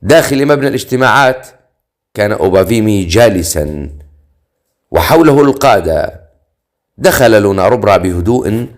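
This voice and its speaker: Male narrator, low pitch, measured dramatic audiobook reading. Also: lively intonation.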